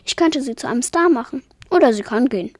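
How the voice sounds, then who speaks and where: A woman voicing a smug, condescending male theater director who talks in a patronizing, smooth way, in a storybook reading. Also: high-pitched, expressive, fast, darkish tone, dry recording. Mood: cold.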